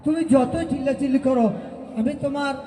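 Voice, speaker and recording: A worried mother soothes her son but firmly refuses him, as a man puts her on. Her voice sits high and carries through a large echoing hall. This is a live stage drama, with a faint audience in the room. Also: fairly even intonation, brisk, dark tone, a faint crowd, a little hiss or hum.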